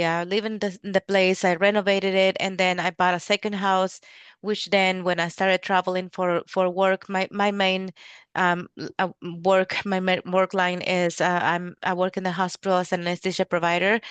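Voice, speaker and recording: A middle-aged woman from Mexico hosting a casual webinar, talking in a halting way with many restarts and fillers. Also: on the low side, a bit bright, clean tone, no echo. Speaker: real estate investor hosting a webinar.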